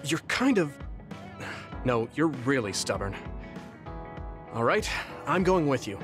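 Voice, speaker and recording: With music in the background, a man voices a kind, protective young soldier from an anime-style video game. His medium-pitched delivery is slow, with big pitch swings, friendly, earnest, and reassuring yet worried and insistent.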